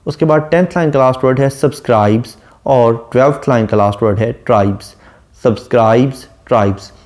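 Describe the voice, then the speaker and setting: Mellow-voiced man lecturing on a sonnet. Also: mid-range voice. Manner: reads English verse slowly, then explains. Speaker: literature lecturer. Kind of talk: explaining a sonnet line by line.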